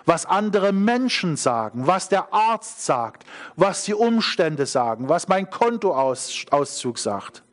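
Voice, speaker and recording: A man's voice: high voice, big pitch swings, slow. A middle-aged man preaching a sermon, emphatic, repeating key phrases and asking the congregation questions.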